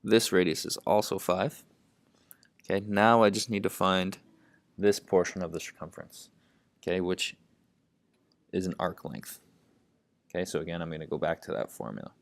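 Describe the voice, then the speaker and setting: A man with a low, deep voice tutors math, working problems out loud step by step. He leans on "okay" as a constant verbal tic. The sound is close and dry, with no room around it. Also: moderate pace, creaky, long pauses, dry recording. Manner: says "okay" constantly, thinks aloud step by step. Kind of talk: lesson narration while writing.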